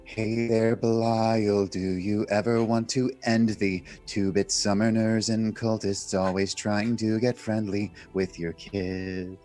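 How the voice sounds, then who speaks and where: Gravel-low deadpan bard, slow croon over a music box, a man playing him. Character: bard singing a mocking ballad, male, deadpan.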